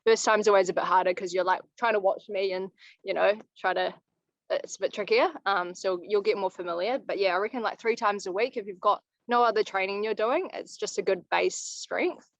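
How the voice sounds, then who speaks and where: A woman's voice: mid-range voice, a little fast, dry recording. Young New woman coaching over video call. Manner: practical, easygoing advice-giving. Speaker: climbing coach. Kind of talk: live online coaching Q&A. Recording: muffled, dry video call audio.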